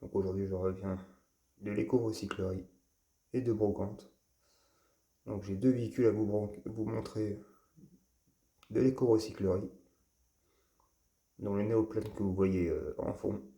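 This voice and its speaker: Low gravelly-voiced man showing toy cars. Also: fairly even intonation, warm tone. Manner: halting, with frequent fillers and restarts. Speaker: toy car collector and channel host. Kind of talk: casual show-and-tell vlog.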